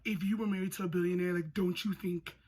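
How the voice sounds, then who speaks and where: A young woman giving a casual, comedic recap in an animated, sarcastic way, with slangy phrasing and a husky, breathy voice. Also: lowish voice, fast. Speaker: movie reviewer.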